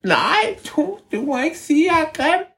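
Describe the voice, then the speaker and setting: A man plays a touchy little winged sprite girl in a storytelling. Her voice is high, squeaky and sulky, and it soars well above his natural register. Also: big pitch swings, vocal fry, bright, forceful tone, full character voice. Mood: hurt. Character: prickly, touchy tiny girl sprite with wings.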